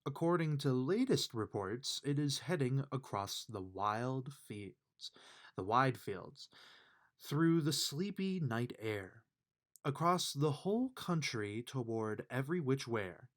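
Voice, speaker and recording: A man with a mid-range voice and lively intonation reads a rhyming children's bedtime book aloud. His storytelling is measured and emphatic.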